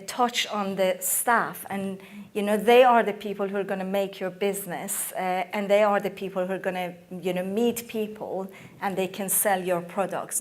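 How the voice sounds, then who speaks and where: Emphatic woman panelist, losing her voice. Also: mid-range voice. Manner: emphatic, many fillers and restarts. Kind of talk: conference panel discussion.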